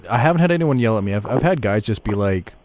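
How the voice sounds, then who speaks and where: A man hosting a casual podcast, talking in a relaxed, easygoing way. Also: lowish voice, fast. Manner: relaxed, easygoing, laughs along. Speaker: podcast host, radio producer. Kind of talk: casual chat.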